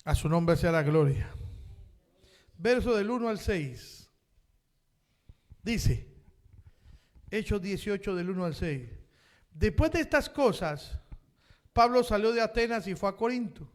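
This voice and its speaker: A man, preaching a sermon. He calls out to the congregation as brother and repeats amen, and he swings from loud, impassioned passages to quiet asides. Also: sits high, lively intonation, a little slow, pauses often. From Chile. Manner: impassioned preaching that rises to shouts, then drops to quiet asides. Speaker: pastor.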